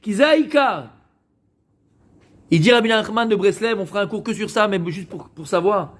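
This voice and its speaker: A man's voice: sits high, animated, normal speed. A rabbi teaching a Torah class to women. He asks the class questions, answers them himself, and repeats words while he searches for the next one.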